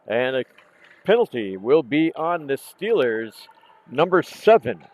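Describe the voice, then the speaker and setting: A man calling a junior women's hockey game play by play, hoarse from losing his voice, calm and unhurried, correcting himself now and then. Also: mid-range voice, lo-fi sound. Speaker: play-by-play commentator. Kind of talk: live hockey commentary. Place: outdoor rink in cold weather.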